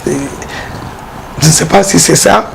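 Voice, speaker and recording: High, gravelly man, halting talk. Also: steady tone. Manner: halting, repeats words while explaining. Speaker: art dealer and collector. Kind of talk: casual explanatory interview. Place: exhibition hall with his collection. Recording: noisy background hiss.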